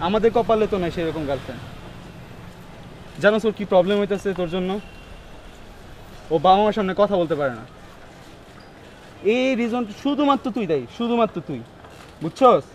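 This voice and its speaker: A man's voice: high-pitched, lively intonation, a little fast, long pauses, slight background noise. A man playing a sarcastic young man who taunts a friend.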